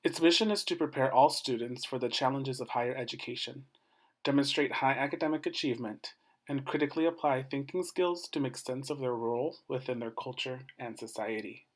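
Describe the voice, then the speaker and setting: A man presents research in a formal, scripted academic style, like a doctoral student at a defense. His voice sits at an average male pitch, and he moves through his points in measured, short phrases.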